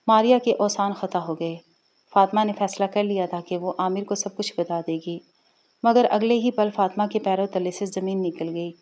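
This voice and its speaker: A woman storyteller narrating an emotional family drama with a steady, expressive reading. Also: medium pitch.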